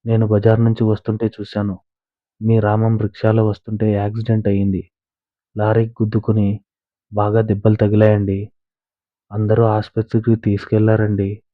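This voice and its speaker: A man's voice: fairly low pitch, completely flat delivery, moderate pace, long pauses, no room sound, natural voice. A man reading a story voices a panicked young village man who stammers and hurries, recorded on a tinny, dry line.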